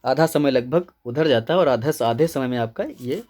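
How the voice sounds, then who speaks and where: A man's voice: medium pitch, normal speed, a little mellow. A man teaching Hindi grammar and essay writing for an exam, explaining step by step and often checking in with his students. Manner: explains step by step, repeats key words, checks in with "ठीक है". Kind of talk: exam answer-key lecture.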